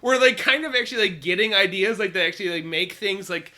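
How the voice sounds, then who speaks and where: A man with a high, bright voice chatting loosely on a podcast. He stumbles through his ideas with restarts and fillers, swearing offhandedly. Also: fast talker. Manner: rambling, hesitant, swears casually. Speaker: podcast co-host. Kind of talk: casual brainstorming chat.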